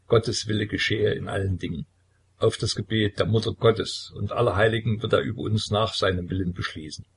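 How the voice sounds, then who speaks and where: A man voicing a despairing young tsarevich who mourns in a sighing lament, with a low, husky voice. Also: fairly even intonation, brisk, exaggerated voice. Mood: resigned.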